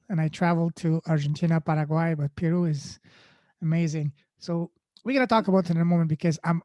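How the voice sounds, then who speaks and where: A man's voice: on the high side, darkish tone, dry recording, studio quality. A man hosting a podcast, enthusiastic and effusive in his praise. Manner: enthusiastic, effusive, many fillers. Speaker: podcast host. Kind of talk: casual interview hosting.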